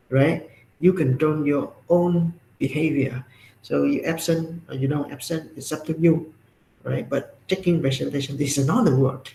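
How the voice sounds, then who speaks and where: A man's voice: fairly high pitch, a little mellow, roomy sound, low-quality recording. A man with a Vietnamese accent who teaches a class and explains things step by step, often checking in with "right?" and "okay?". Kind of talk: classroom lecture.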